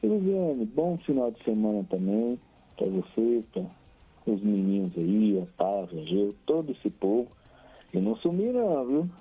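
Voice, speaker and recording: A low, husky-voiced Brazilian man calls in to a radio show, heard through a thin, crackly phone line that keeps breaking up. He is chatty and cheerful, laughs a lot and runs through long strings of shout-outs. Faint music plays behind him. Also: very animated, a little slow. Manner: cheerful and chatty, laughs often, reels off long lists of names. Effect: crackly phone line that keeps cutting out. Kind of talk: casual chat and shout-outs on air.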